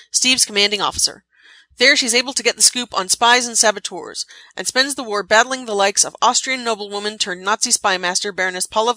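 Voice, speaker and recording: A woman narrates a scripted story recap with a bright, forward tone. The recording is close and dry, with no room sound around her. She tells it in a measured, expressive way. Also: fairly high pitch, dry recording. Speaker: podcast host.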